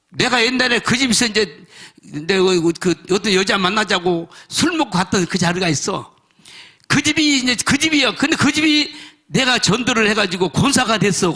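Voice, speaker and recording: A middle-aged man delivers a sermon as an emotional personal testimony. His voice sits very high and bright. It carries a husky, breathy edge, and he often swells into shouts. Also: expressive, normal speed. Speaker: pastor.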